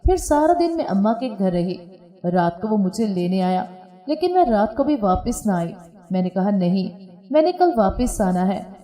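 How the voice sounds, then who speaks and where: A woman telling a first-person story in a calm, steady scripted narration. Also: mid-range voice, normal speed.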